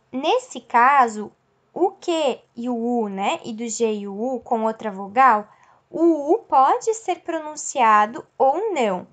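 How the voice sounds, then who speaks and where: High-voiced woman teaching slowly. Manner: slow, explanatory, checks in with "certo?" and "ok?"; stretches out example words slowly. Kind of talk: recorded class lesson.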